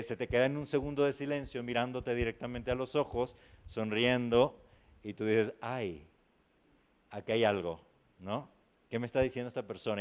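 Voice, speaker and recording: A man's voice: mid-range voice, a little mellow. A man teaching a master class on acting. He lectures conversationally and keeps checking in with the students. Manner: conversational, often asks "¿sí me explico?". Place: university classroom.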